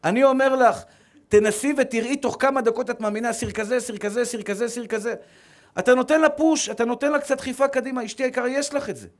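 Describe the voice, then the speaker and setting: A tender husband, acted out by a male preacher in a very high register, gently builds up his wife's confidence. His manner is soft and coaxing. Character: tender encouraging husband praising his wife.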